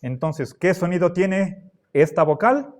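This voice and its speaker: Man, classroom lecture, slow and deliberate, slightly raised voice. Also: high-pitched, lively intonation, a little mellow. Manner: slow, patient, checks in with frequent "¿sí?" and "¿ya?". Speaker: philosophy teacher.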